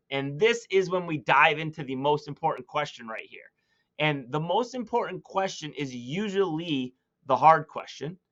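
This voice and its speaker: A man with a fairly high, bright, forceful voice coaches new real estate agents in a loose, chatty way. He fills his talk with "um" and "you know". The recording is dull and lo-fi. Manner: loose and conversational, with many fillers; acts out phone calls in brighter, higher voices. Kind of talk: casual coaching talk to camera.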